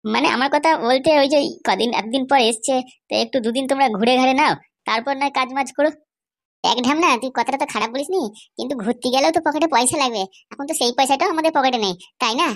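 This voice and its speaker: A woman doing a comedy cartoon, in a chatty and persuasive manner. Her voice is fairly high and she talks fast. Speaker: cartoon voice actor.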